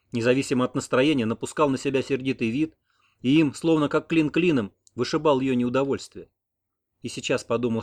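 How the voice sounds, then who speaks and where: A man reading a novel aloud as narrator in a measured, expressive storytelling manner. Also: medium pitch. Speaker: audiobook reader. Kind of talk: scripted narration of a homemade audiobook.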